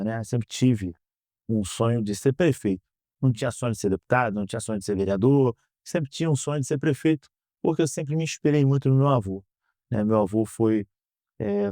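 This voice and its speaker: A Brazilian man in his thirties answering interview questions in an earnest, measured way, often ending phrases with a questioning tag. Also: medium pitch, dark tone, no room sound, clean studio sound. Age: 30s. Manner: earnest, measured, frequent "né?" tags. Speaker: guest, politician. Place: podcast studio.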